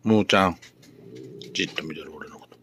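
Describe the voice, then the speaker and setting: A deep-voiced man with a Kansai Japanese accent murmurs soft, coaxing words to a shelter cat in an indoor room. Clear background noise and the sounds of cats run under his casual talk. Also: brisk.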